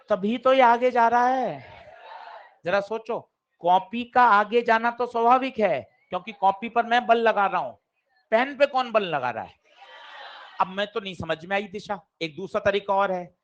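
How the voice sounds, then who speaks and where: High-voiced male physics teacher lecturing. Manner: lively, addresses students directly with questions. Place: classroom. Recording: dull lo-fi classroom recording.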